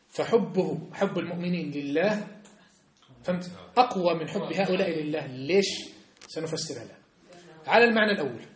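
A man teaching a religious text class, explaining verses and often asking his students whether they have understood. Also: fairly high pitch. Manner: lively, quizzes students often. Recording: echoey classroom.

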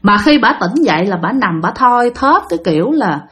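A woman's voice: medium pitch, sing-song, normal speed, fairly bright tone. A woman telling a ghost story casually, talking straight to her listeners. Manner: chatty, addresses listeners directly.

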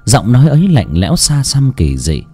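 A man narrating a horror story in a slow, dramatic, suspenseful way. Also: mid-range voice, huge pitch swings, dark tone, breathy edge, faint music behind.

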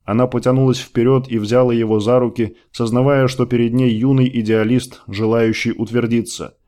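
A man narrating a science fiction novel as an audiobook, in a calm, even storytelling manner. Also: mid-range voice, normal speed. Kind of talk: scripted narration.

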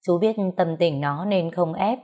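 A woman narrating a dramatic ghost story in a calm, measured reading. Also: lowish voice.

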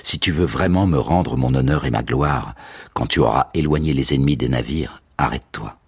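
A man's voice: rumbling low, normal speed, creaky, breathy edge, exaggerated voice. A man voicing a proud, wrathful male hero who gives stern commands, in a radio drama.

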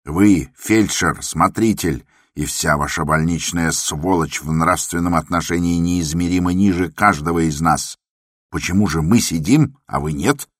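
A man's voice: deep voice, unhurried, no echo, studio quality. A man acting out a raving, furious asylum patient. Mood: bitter. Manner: shouting, bitter, accusing. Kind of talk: audiobook character voice.

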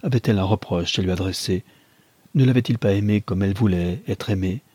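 A man reading a novel aloud in measured, even narration. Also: low voice, husky, no echo.

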